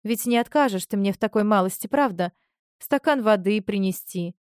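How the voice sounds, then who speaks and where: A woman's voice: medium pitch, normal speed, a little mellow, dry recording, studio quality, natural voice. A woman voicing a manipulative young woman who pretends to be helpless, speaking in a plaintive, pleading way. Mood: tearful pleading.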